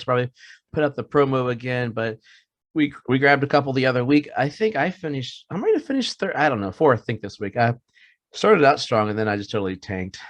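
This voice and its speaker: Rambling middle-aged podcast co-host. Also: male voice, mid-range voice, dry recording. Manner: rambling, joking, self-mocking. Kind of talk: casual sports chat.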